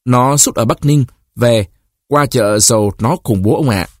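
A man voicing a quick-tongued peasant woman refugee in a read-aloud short story, answering quickly and respectfully. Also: medium pitch, dry recording, clean studio sound, close to an everyday voice.

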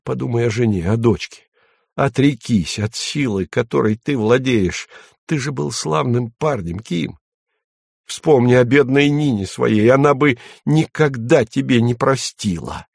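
A man's voice: medium pitch, lively intonation, measured pace, creaky, darkish tone, husky, no echo, studio quality, full character voice. Man as a desperate pleading man.

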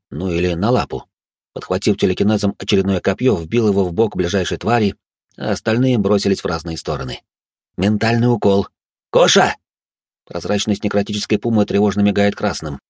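A man's voice: low-pitched, darkish tone, husky, no echo, studio quality. A man narrating a first-person fantasy audiobook, with wry, ironic asides.

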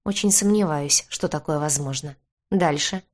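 A woman's voice: low voice, normal speed, a little mellow. A woman reading the part of a cruel young male knight, who questions in a curt, cold, stern manner. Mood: cold interrogation.

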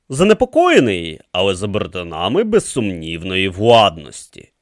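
A man narrating an audiobook in a measured, expressive storytelling manner. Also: low-pitched, no echo, studio quality.

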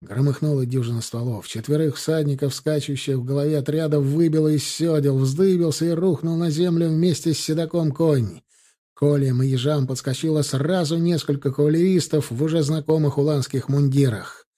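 A man reading a historical novel aloud in an even storytelling delivery. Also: on the high side, a little fast. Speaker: audiobook narrator. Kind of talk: scripted narration.

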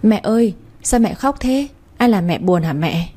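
A woman's voice: mid-range voice, expressive, normal speed, dark tone, natural voice. A woman voicing a sweet, innocent little boy in a storybook reading, speaking in a childlike, earnest way. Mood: curious.

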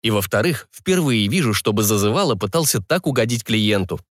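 Animated male audiobook narrator. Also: on the low side, fairly quick, dry recording, clean studio sound. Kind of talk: scripted first-person narration.

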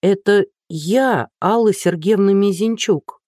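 A woman's voice: medium pitch, takes it slowly, a little mellow, dry recording, clean studio sound, voice pushed up. A reader voicing a flustered, anxious blonde woman in her thirties, firing off nervous questions. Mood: alarmed.

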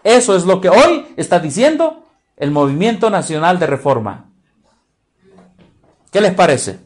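A man's voice: sits high, sing-song. A man with a Mexican accent preaching a sermon, quizzing his listeners with repeated questions and stretching out key words for stress. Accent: Mexican Spanish. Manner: emphatic, drawn-out stresses.

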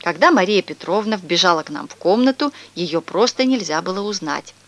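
Expressive woman reading a children's story. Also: lowish voice, brisk. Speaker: audiobook narrator.

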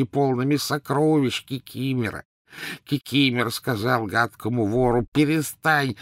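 A man voicing an old, servile male house-elf who croaks and wheezes, dragging his words out in a wail. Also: mid-range voice, a bit bright, no echo, studio quality, pitched above the performer's own voice. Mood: tearful. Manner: wails and drags words out slowly. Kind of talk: audiobook character voice.

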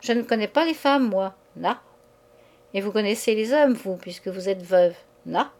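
A woman's voice: medium pitch, expressive, normal speed, natural voice. A woman voicing a playful young man who teases his new wife in a mock schoolboy manner. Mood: teasing. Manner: mock schoolboy stammer, childish "na?".

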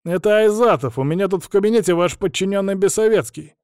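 A man's voice: quick pace, darkish tone, clean tone, no room sound, clean studio sound. Man voicing a wheezing, panicky poisoned boss. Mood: shouting. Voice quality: wheezy, strained, choked. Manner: panicky and pleading, higher than the narrator. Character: wheezing frightened middle-aged male boss, poisoned. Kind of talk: audiobook character reading.

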